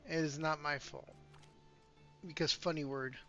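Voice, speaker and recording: A man's voice: fairly high pitch, steady tone, unhurried, a bit bright. A man streaming a strategy game, chatting casually and playfully teasing his girlfriend between moves. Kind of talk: casual livestream chat while gaming. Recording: slightly dull sound with faint music behind.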